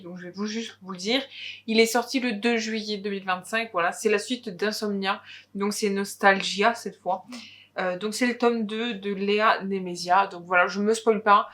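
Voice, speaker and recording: A woman's voice: medium pitch, a bit bright. Chatty woman presenting new books. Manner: chatty, hesitant with many fillers. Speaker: book video co-host. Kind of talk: casual book chat.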